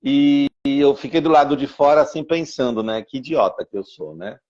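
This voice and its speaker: A man's voice: mid-range voice, normal speed, darkish tone. A man teaching on a podcast and telling a personal story, with rhythmic repeated phrases and stammered restarts. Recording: dull lo-fi sound.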